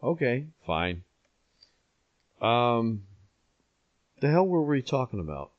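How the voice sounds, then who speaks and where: Slow-talking man with animated pitch, lo-fi. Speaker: podcast co-host. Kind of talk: casual sports banter. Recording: dull lo-fi podcast audio.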